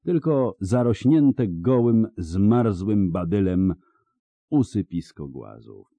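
A man reading a fantasy novel aloud as an audiobook narrator, in a dramatic, expressive storytelling manner. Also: lowish voice, takes it slowly, dry recording.

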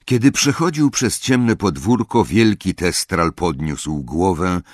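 A man reading an audiobook in a measured, expressive way. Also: deep voice, no echo, clean studio sound. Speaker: audiobook reader. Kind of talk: audiobook narration.

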